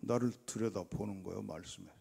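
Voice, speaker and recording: Older pastor guy telling stories in a sermon, gravelly voice, acts out his chats with god. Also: sits low, expressive, fast, warm tone. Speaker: guest preacher. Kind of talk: dawn revival sermon.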